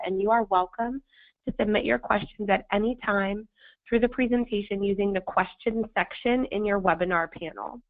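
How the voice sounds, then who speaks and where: A woman hosts a webinar with a hoarse smoker's rasp and plenty of gravel in her voice. She reads a prepared presentation, and the sound is thin, like a phone line. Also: medium pitch. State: hoarse, sandpaper-rough voice. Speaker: webinar host. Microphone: phone or webinar audio connection.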